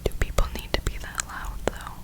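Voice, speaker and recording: A young adult woman speaking in a breathy, unvoiced whisper, rambling casually in slangy ASMR style. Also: a little fast. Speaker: ASMR creator.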